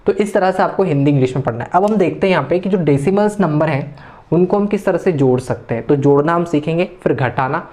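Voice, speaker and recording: A man's voice: a little high, fast, darkish tone. A man giving a maths lecture, explaining patiently step by step and often adding tag questions. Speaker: maths teacher. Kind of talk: classroom lecture.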